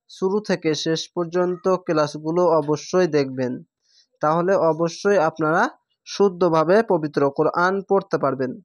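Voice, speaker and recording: Bangladeshi Bengali-accented female Quran tutor, lowish voice, unhurried, repeats each syllable patiently. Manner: drawn-out syllable drills, explaining and repeating sounds. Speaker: Quran reading teacher. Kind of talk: slow step-by-step recitation lesson.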